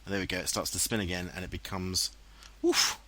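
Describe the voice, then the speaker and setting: English male let's-player, low-pitched and chatty, self-mocking, faint background hiss. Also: fairly even intonation, brisk, pushed and bright. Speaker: let's play commentator. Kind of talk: casual game commentary. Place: home room, voice-over recorded later. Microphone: headset, dubbed in post-production.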